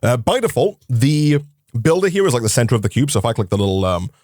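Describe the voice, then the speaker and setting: A man's voice: medium pitch, sing-song, fast, a little mellow. A man co-hosting a modded survival game, chatty as he explains game mechanics and plans with fillers. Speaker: co-host. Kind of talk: casual gaming chat.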